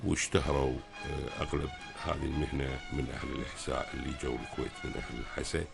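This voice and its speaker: A man with a Kuwaiti Gulf Arabic accent explaining things as a guest expert on a radio talk, pausing to search for words. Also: extremely low pitch, steady tone, vocal fry, over loud music.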